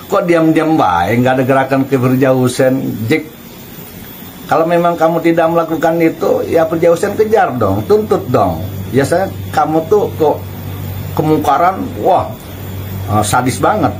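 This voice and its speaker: A man's voice: a little high, normal speed, a little hiss or hum, rough recording. Mocking male online commentator. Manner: mocking, chuckling, asks pointed rhetorical questions. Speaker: YouTube commentator.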